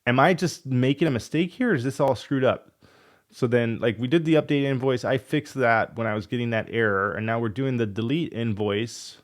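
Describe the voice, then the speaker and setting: A man of medium pitch and moderate pace runs a casual coding walkthrough despite a cold that has his voice fading. He thinks aloud and mutters in frustration when debugging.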